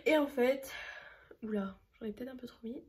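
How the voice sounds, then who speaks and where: A woman's voice: a little high, normal speed, darkish tone. A young woman chatting casually and a little rambly while doing her makeup for a vlog tutorial. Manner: chatty, rambling, self-deprecating. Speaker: beauty vlogger.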